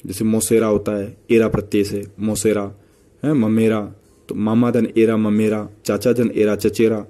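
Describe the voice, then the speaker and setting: A man's voice: lowish voice, little pitch movement, measured pace, mellow. A man teaching Hindi grammar for an exam, listing example words one after another and checking in with "है ना" as he goes. He speaks Hindi with a Rajasthani accent. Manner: rattles off word lists with repeated "है ना" tags. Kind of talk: exam-prep grammar lesson.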